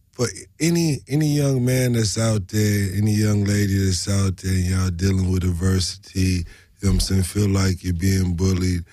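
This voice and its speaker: Mellow low guy hosting a chill interview, repeats himself a lot, slangy, dry studio sound. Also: no echo. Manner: repetitive, punctuated with "you know what I'm saying". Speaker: interview host. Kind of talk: casual radio interview chat.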